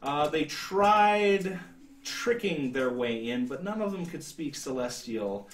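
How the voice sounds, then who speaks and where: A man in his thirties sits at a table in an indoor room, acting as game master and narrating a tabletop role-playing game. His voice is a little high with lively intonation, and he speaks slowly, explaining things somewhat hesitantly. The sound is roomy, picked up by a distant mic.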